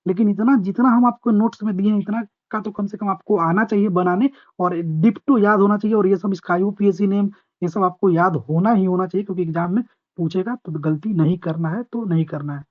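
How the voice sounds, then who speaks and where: A man teaching a chemistry revision class. He explains patiently, repeats key points, reads English definitions slowly and asks his students whether they understood. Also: sits high. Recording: dull lo-fi recording.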